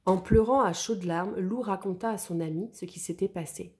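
A woman narrating a children's story in a lively, expressive way. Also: mid-range voice, normal speed.

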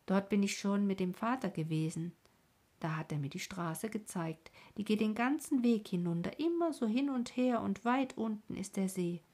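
A woman voicing a wistful, sad little boy in a bedtime story, breathy and softly whispered. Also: medium pitch, moderate pace, close to an everyday voice. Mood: earnest.

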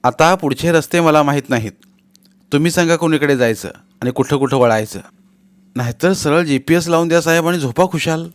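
A man's voice: a little high, fairly quick, no echo, voice pushed up, close to an everyday voice. A man voicing a polite, tired night driver addressing his passenger in a storybook reading. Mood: respectful.

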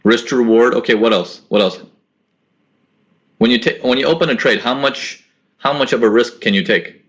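Speaking at a normal pace in a mid-range, fairly bright voice, a young man runs a live forex trading webinar from a small room in his home. Raised in Korea and the US, he fields chat questions in a relaxed coaching style and tends to repeat his words. The sound comes through a laptop webcam mic on a video call.

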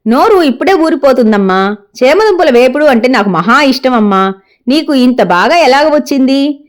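A doting father speaks fondly, with a fairly high, lively voice, as a woman storyteller puts him on. He is a figure from a read-aloud audio story. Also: normal speed. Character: affectionate older father figure.

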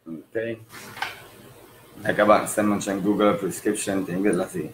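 A man teaching English on a livestream, slowly drawing out words so viewers can repeat the pronunciation. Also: low voice, flat delivery, background noise. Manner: slow, drawn-out words for drilling pronunciation. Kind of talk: livestream language lesson. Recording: echoey room.

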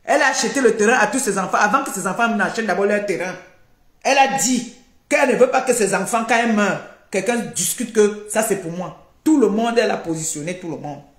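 A woman's voice: medium pitch, brisk. An older woman, ranting on a live stream, scolding and accusing and repeating her points. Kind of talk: heated live-stream rant. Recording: echoey room.

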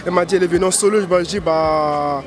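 A young man with a fairly high voice tells a story in bits and pieces, heavy on slang. He speaks quickly into a held mic out on a busy street, with crowd noise around. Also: steady tone. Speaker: interviewee. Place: busy city street outdoors.

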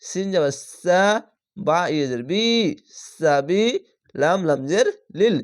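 Man, somewhat high voice, Quran reading teacher, slow syllable-by-syllable spelling, patient explaining. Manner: slow, drawn-out syllable-by-syllable spelling, then chanting the word. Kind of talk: spelling-out Quran recitation lesson.

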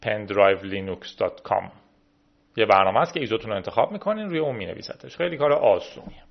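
A man's voice: fairly low pitch, lively intonation, gravelly, lo-fi sound. A man hosting a casual screen-recorded tech tutorial, chatting through each step as he clicks through menus. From Iran. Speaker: tech video host.

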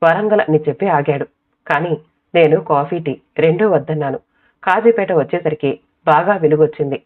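A woman narrating an audiobook short story in a calm, measured reading voice. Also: deep voice, husky. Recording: tinny, phone-like sound.

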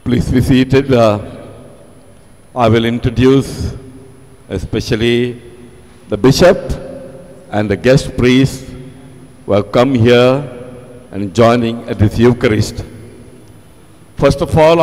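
An older parish priest speaks into a pulpit microphone in a large church. His delivery is unhurried and formal, his pitch sits mid-range, and each phrase trails off into a long reverb that hangs in the hall. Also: darkish tone. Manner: slow, measured, formal. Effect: speaking at a pulpit microphone over the church speakers. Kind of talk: welcome address at a Mass.

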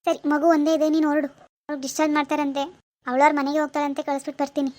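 A woman voicing a calm, caring older mother-in-law in an animated village drama. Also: sits high, racing, natural voice. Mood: concerned.

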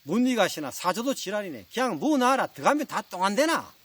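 A man's voice: high-pitched, big pitch swings, a little fast, a bit bright, no echo, voice pushed up, heavily acted. A man voicing a short-tempered newlywed groom from Gyeongsang, speaking bluntly in the local dialect. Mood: gruff. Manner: blunt, scolding.

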